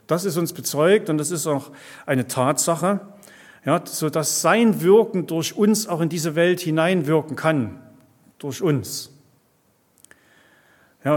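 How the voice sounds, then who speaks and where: Male preacher, slightly high voice, chatty sermon full of tag questions, long hall reverb. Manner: peppers speech with tag questions like "ja" and "ne". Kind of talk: conversational sermon.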